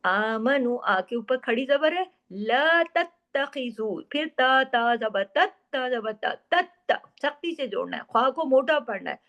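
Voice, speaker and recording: A woman teaching Quran recitation rules, explaining patiently, asking and answering her own questions, and stretching words slowly to demonstrate. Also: high voice. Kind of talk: tajweed lesson with slow demonstrations.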